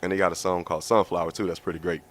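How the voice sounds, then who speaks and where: A man's voice: low-pitched, very fast, a little hiss or hum. A man co-hosting a podcast in casual, slangy chat, telling stories loosely. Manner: animated, slangy, loose storytelling. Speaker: podcast co-host.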